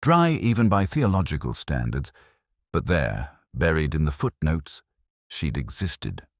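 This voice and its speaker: A man playing a brooding, literate police inspector, narrating a detective drama in a measured, wry, reflective way. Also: rumbling low, no room sound, studio quality, full character voice. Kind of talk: scripted first-person detective drama narration.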